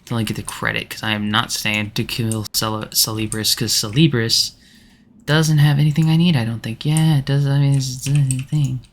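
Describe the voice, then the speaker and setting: A man's voice: mid-range voice, normal speed. A man streaming a game, chatting casually and rambling with lots of restarts and fillers. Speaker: gaming streamer. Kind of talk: casual chat while playing.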